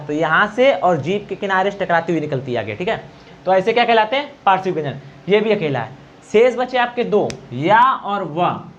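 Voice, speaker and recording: A male teacher giving an exam-prep grammar lesson, quizzing students, repeating answers and slowly demonstrating sounds. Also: sits high. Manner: quizzing, repeats answers, asks "okay?" often. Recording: dull lo-fi recording.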